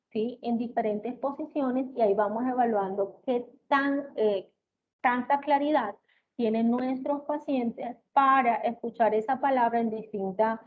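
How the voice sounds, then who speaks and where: Woman lecturing over a tinny line. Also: fairly high pitch. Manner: checks in with listeners with "¿ok?" and "¿sí?", many "eh" fillers. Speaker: lecturer in auditory-verbal therapy. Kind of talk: explanatory lecture. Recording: tinny, phone-like with faint hiss.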